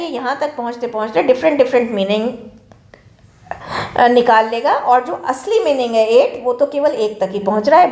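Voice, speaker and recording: A woman with an Indian accent giving a classroom lecture, explaining in Hindi mixed with slow, deliberate English phrases. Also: fairly high pitch, mellow. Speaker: teacher. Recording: echoey room.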